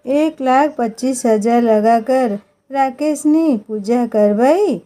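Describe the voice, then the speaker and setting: A woman narrating a moral story with steady, even reading. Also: on the high side, slow pace.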